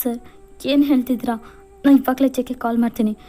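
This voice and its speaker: A woman's voice: high-pitched, fairly even intonation, brisk, dark tone, soft background music, pitched above the performer's own voice, natural voice. A woman playing a frightened, pleading young woman. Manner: pleading, distressed. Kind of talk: fan fiction voiceover.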